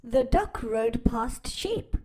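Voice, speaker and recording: A woman reading a children's picture book aloud, unhurried and slow. Her pitch is on the high side and moves a lot, rising and falling with the story. She asks gentle, teacher-like questions between pages. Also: animated. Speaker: storytime channel host.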